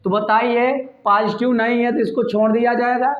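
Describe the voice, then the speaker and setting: Male chemistry teacher, high voice, quizzing his own class, echoey room on a tinny mic. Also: level tone, moderate pace. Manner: quizzing, asks questions and answers them himself. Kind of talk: classroom lecture.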